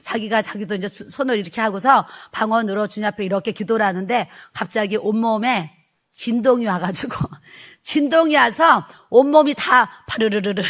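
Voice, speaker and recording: In a sermon, a middle-aged pastor's wife retells a church testimony, laughing as she goes and acting out the quoted speech. Her voice sits on the high side.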